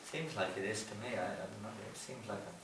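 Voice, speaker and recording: A man's voice: fairly low pitch, quick pace, a bit bright, a little hiss or hum. A man from England giving a lecture through a translator, jovial and teasing his audience in a large hall. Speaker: visiting speaker. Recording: echoey hall from far off.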